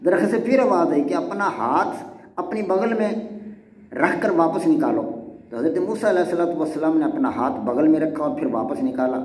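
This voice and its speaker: A man's voice: on the high side, lively intonation, a little mellow, roomy sound, low-quality recording. Urdu man retelling a sacred story. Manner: measured retelling with voiced quotes. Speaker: religious lecturer. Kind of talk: religious storytelling lecture.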